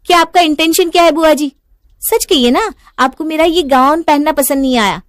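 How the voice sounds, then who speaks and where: A woman voicing Naina, an indignant young bride who speaks in heated, shrill outbursts. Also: brisk, no echo, studio quality, natural voice. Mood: angry.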